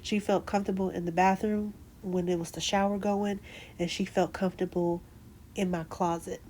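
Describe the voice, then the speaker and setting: A woman's voice: medium pitch, moderate pace, slight background noise. A woman vlogger telling a personal story in a chatty way, acting out what people said. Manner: animated, acts out quoted dialogue; chatty with frequent fillers and restarts.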